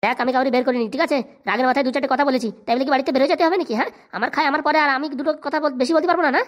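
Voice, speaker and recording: A voice actor playing a grumpy, bossy middle-aged village husband in a cartoon comedy, shouting and scolding. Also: sits high, steady tone, racing, natural voice. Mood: angry.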